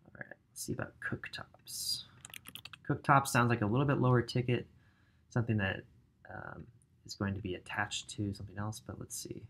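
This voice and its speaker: A man's voice: lowish voice, moderate pace, a bit bright, a little hiss or hum. A man in his thirties giving a casual screen-share tutorial at a home desk, thinking aloud with frequent ums as he browses. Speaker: ecommerce coach. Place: indoor home office.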